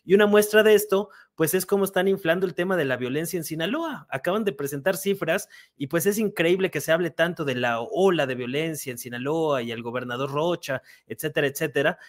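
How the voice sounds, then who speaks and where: A man's voice: on the high side, brisk. A Mexican man with a slightly raised voice delivers political commentary as a guest journalist. He stammers and restarts often, sprinkling in fillers, while keeping an indignant, critical tone.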